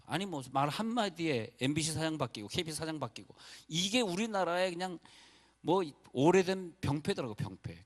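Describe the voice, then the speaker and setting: Male pastor, chatty sermon, rambling asides, from North Korea, casual preaching tone. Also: a little high.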